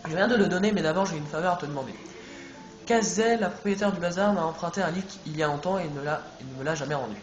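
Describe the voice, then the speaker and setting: A man's voice: a little high, quick pace, natural voice. A man voicing a washed-up, boastful cartoon detective from a video game, reading the lines aloud plainly. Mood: glum. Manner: reads dialogue aloud plainly. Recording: echoey room, music behind.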